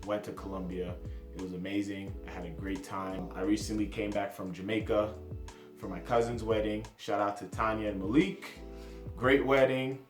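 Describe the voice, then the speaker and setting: A young man from New Jersey introduces himself on camera, easygoing and a little self-mocking, his voice sitting fairly low. The room is echoey, and music plays clearly behind him. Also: steady tone, moderate pace. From New Jersey, USA. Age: 20s. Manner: chatty, self-deprecating, jumps between topics. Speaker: vlogger. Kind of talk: casual to-camera introduction vlog.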